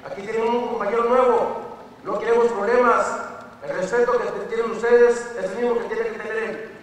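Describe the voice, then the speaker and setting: Man as stern guard, high voice, echoey distant hall. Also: flat delivery, fairly quick, slight background noise, natural voice. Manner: commanding. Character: stern male prison guard giving orders. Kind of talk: live stage performance.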